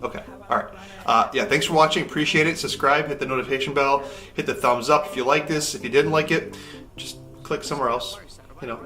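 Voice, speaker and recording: Man, casual vlogger, mid-pitched voice, rambling, self-correcting, echoey hotel room, faint music behind. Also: steady tone, fast, pushed and bright. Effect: echoey room sound. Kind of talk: casual vlog talk to camera.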